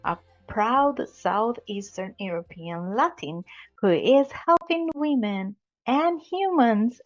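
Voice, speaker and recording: A woman hosting a podcast interview, giving a formal, effusive introduction. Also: medium pitch. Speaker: podcast host. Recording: dull lo-fi audio.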